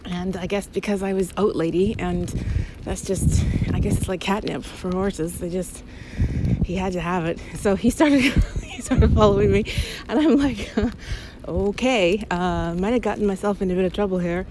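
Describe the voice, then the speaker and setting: A woman with a medium-pitched voice talks at a moderate pace, chatting casually and intimately as if to a partner while out on a bike path. She's an audio roleplay creator playing a loving girlfriend, and her one-sided companion talk rambles, hesitates, giggles, and trails off. Passing vehicles, traffic, and other outdoor noise fill the recording.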